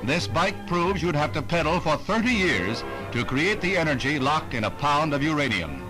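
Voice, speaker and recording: A man narrating a 1960s newsreel as a brisk announcer, dropping light quips between facts. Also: on the high side, very animated, poor audio. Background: music underneath.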